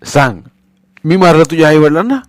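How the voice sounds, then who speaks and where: A man voicing a proud, quick-tempered village boy in a storybook reading, fiery and insistent. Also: mid-range voice, animated, a little mellow, no echo, natural voice. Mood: indignant.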